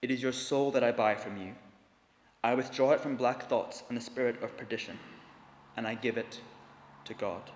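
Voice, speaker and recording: A man's voice: moderate pace, close to an everyday voice. A man voicing a kindly, solemn elderly bishop while reading a story aloud in a sermon. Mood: solemn, hushed. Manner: warm exclamations giving way to low, hushed solemnity. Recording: echoey hall with long reverb.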